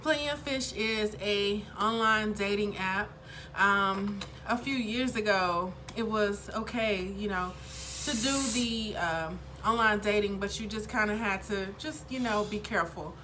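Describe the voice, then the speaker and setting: A woman's voice: mid-range voice, unhurried, sharp tone, a little hiss or hum. A woman in her thirties chatting casually to camera as a vlogger, upbeat and full of fillers. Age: 30s. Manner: upbeat, chatty, lots of ums.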